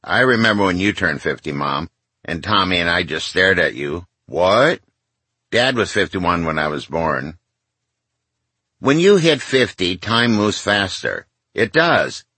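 Husky low-voiced man in his sixties, wry. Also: sharp tone, no room sound. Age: 60s. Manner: wry, confiding, conversational with self-mocking asides. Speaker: memoir author. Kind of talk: memoir narration addressed to his mother.

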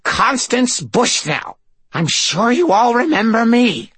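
A man voicing a malevolent young woman speaking over a mall PA system, with a dry, rasping voice. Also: very high-pitched, big pitch swings, slow, a bit bright, voice pushed up, heavily acted. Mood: gloating. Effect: echoing public address speakers.

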